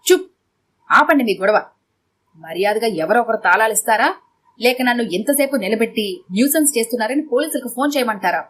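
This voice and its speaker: A woman narrator voicing a gruff, blustering male burglar with a knife. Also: very high-pitched, lively intonation, brisk, a bit bright, slight background noise. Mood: gruff threatening.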